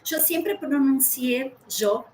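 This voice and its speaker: A woman's voice: sits high, slow pace, darkish tone, roomy sound, a little hiss or hum. A woman from Uruguay with a Uruguayan Spanish accent, a language teacher talking casually and animatedly, laughing often and jumping between topics. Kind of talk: casual conversation.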